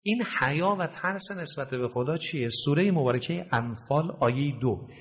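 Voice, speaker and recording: Male preacher, raised-pitch voice, dramatic swings from loud emphasis to near-hush, slow drawn-out recitation, long hall reverb. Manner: swings between loud emphatic peaks and low hushed storytelling; slows and stretches quoted verses. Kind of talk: sermon.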